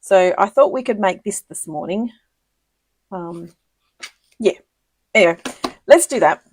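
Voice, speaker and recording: A woman hosting a casual live crafting tutorial, chatty and giggly, with many ums and quick self-corrections. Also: mid-range voice, animated, husky, no room sound. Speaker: papercraft demonstrator hosting a live video.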